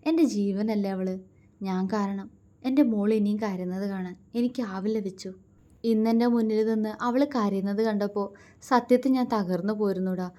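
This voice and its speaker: A woman voicing a remorseful young man in a storybook who speaks earnestly and quietly of his love. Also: medium pitch, close to an everyday voice.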